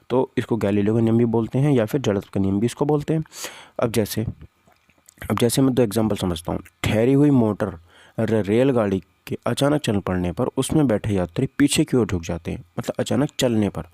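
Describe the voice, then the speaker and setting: Medium in pitch and dark in tone, this male voice moves a little quickly, with no room sound at all. It's an informal physics exam-prep lesson that works through questions and answers. The teacher keeps things conversational, restating points and quizzing students as he goes.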